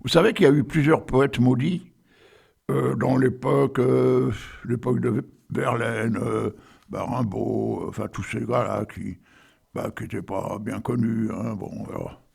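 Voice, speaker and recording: An older French radio host with a deeply gravelly, husky voice. He rambles casually, piling up fillers and side remarks as he reads poems on air. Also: fairly even intonation, measured pace, darkish tone. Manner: chatty, digressive, frequent asides and fillers. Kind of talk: casual rambling radio chat and poetry reading.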